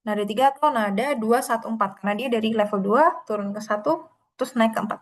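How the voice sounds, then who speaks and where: Teaching Mandarin on a video call, this woman tutor has a voice on the slightly high side. For her students she draws syllables out, slowing down to demonstrate each tone and explaining everything patiently.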